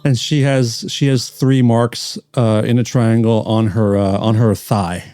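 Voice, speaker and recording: Mellow-voiced male podcast host. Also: medium pitch, measured pace, clean tone, no echo, clean studio sound. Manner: relaxed, hesitant, lots of fillers. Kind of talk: casual interview talk.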